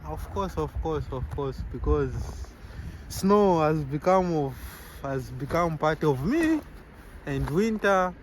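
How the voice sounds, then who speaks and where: A young man, a medical student answering street-interview questions outdoors in a relaxed, easygoing way. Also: a little high, takes it slowly, slight background noise, low-quality recording. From Zambia. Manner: easygoing, chuckles between answers, repeats "yeah".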